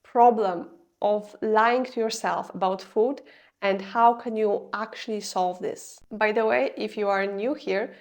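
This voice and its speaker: Speaking at a slightly slow pace with fairly even intonation, this young woman from Poland has a medium-pitched voice and a Polish accent. She's a video creator delivering a scripted explanatory vlog in second-language English, earnest and confessional, with slightly non-native grammar.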